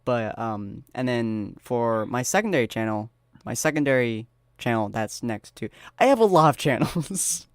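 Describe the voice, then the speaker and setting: A man's voice: mid-range voice, lively intonation, normal speed, dry recording, studio quality. A young man interviewing a guest in casual chat, giggling and joking at his own expense. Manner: giggly, self-deprecating.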